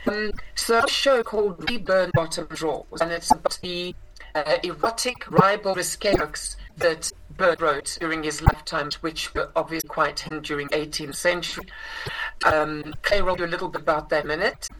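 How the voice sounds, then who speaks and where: A woman singer and actress, born in Scotland and raised in South Africa, chatting as a guest with many pauses and restarts. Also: low voice, a bit bright, slight background noise, low-quality recording. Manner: hesitant, many ums and restarts. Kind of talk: casual interview chat.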